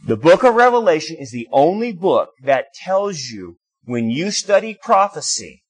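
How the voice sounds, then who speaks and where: Male pastor, fairly high voice, teaching sermon, explains and restarts often. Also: sing-song, normal speed, slightly rough, rough recording.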